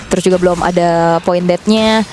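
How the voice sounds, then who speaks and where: A woman's voice: on the low side, steady tone, moderate pace, a little mellow. A woman with an Indonesian accent gives chatty, conversational analysis as a live esports commentator, repeating words for emphasis. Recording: music behind the voice.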